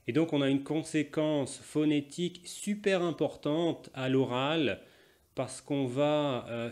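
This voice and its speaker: A man who is a native French speaker, teaching a language lesson and repeating example phrases slowly and carefully. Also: medium pitch, a little mellow. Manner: slow deliberate repetition of example phrases; switches between Portuguese and French explanations. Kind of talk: language lesson explaining grammar.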